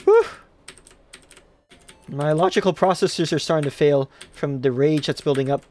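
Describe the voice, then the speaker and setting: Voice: medium pitch, normal speed, darkish tone, a little hiss or hum. A livestreamer giving rambling, self-mocking live commentary while playing, swearing and raging at the game.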